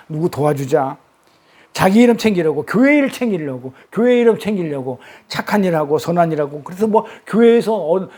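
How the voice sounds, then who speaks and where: A man's voice: sits high, a little mellow. A male pastor preaching a sermon who keeps putting questions to the congregation and acts out the lines he quotes.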